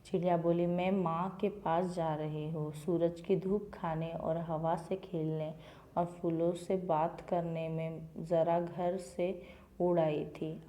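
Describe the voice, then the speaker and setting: Mellow-voiced woman teacher explaining a lesson. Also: lowish voice. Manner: reads each line, then repeats and explains it in simple words. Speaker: school teacher. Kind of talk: reading a Hindi textbook lesson aloud and explaining it to children.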